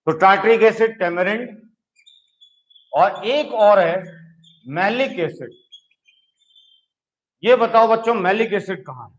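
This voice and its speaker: Speaking slowly with long pauses, a man with a high, lively voice teaches chemistry to his class, patiently going step by step and checking in with "ठीक है". The recording has its highs cut off.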